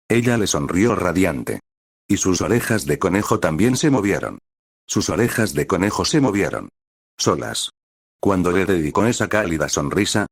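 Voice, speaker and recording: A man narrating a fan fiction story in a steady, expressive reading. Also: low-pitched, no room sound, studio quality.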